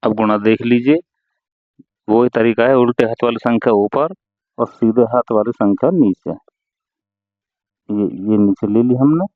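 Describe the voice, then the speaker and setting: A man's voice: medium pitch, no room sound. Patient man teaching math over tinny audio. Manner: slow, patient, step-by-step explaining. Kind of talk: chalkboard math lesson. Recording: dry, tinny phone-like sound.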